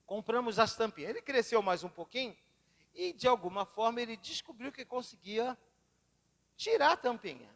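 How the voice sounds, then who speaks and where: A man's voice: extremely high pitch, lively intonation, moderate pace, a bit bright. A man preaching a sermon, telling personal stories with dramatic swings in his voice, recorded in a church hall. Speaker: pastor. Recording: long reverb of a church hall.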